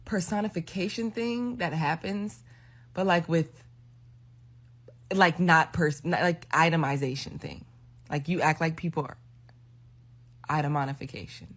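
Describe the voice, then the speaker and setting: A woman's voice: deep voice, creaky. A woman in her twenties rambling in a phone video monologue, full of "like" fillers. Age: 20s.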